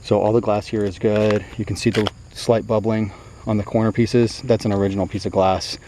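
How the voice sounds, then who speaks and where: A man's voice: lowish voice, flat delivery, fairly quick. A man showing an old car and chatting about it casually, rambling with plenty of fillers. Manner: easygoing, rambling with many fillers. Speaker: classic car dealer. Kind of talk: casual walkaround commentary. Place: outdoors around an old car. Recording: loud outdoor noise.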